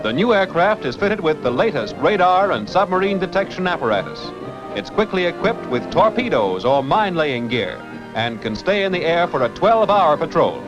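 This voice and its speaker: Male newsreel narrator, old newsreel sound, lively high-ish delivery over a music bed. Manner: brisk, declamatory announcer delivery. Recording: muffled lo-fi newsreel audio with music. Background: music score.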